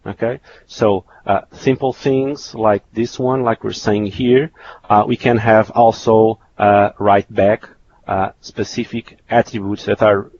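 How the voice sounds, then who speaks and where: Low-voiced man presenting, dull hissy audio. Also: fairly even intonation, takes it slowly, darkish tone. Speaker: webcast presenter. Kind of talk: technical presentation, explaining slides. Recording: dull lo-fi webcast audio with hiss.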